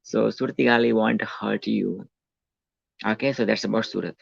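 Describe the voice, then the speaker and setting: A man in his forties from India, with a Gujarati accent and a fairly low, creaky, slightly rough voice, tells his life story at normal speed with fairly even intonation. He's a self-help speaker rambling through an autobiographical monologue full of fillers and restarts, captured in a dull, dry, lo-fi recording.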